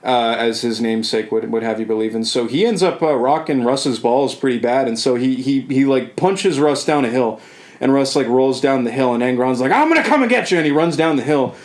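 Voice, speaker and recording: A man's voice: medium pitch, normal speed, darkish tone. Rambling male podcast storyteller. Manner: rambling storyteller who acts out quotes. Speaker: podcast co-host. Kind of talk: casual chat.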